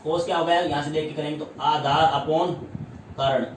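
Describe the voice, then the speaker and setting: Distant, echoey Hindi-speaking maths teacher. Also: male voice, a little high, fairly even intonation, normal speed, slight background noise. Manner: repeats terms and asks rhetorical questions. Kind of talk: classroom lesson. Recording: echoey room, voice from far off.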